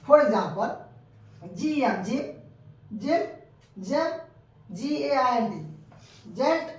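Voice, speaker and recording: A woman with a high voice gives a pronunciation lesson at an unhurried pace. She keeps asking and answering her own questions as she goes. She is recorded from a distance in a very echoey room. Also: a bit bright, lo-fi sound. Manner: slow, repetitive teaching with rhetorical questions. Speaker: teacher.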